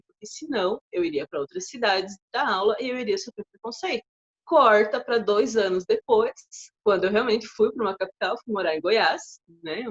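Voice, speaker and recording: A woman in her thirties from southern Brazil, co-hosting a casual chat and telling a story in a chatty, animated way. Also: on the high side, husky. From far west of Santa Catarina, Brazil. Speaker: co-host. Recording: dull lo-fi audio.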